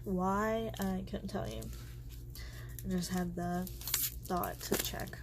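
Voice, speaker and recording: A congested woman, a planner vlogger, chats casually while crafting at home, rambling with thoughts that often trail off. Her lowish voice swings widely in pitch, she speaks slowly, and there's background noise.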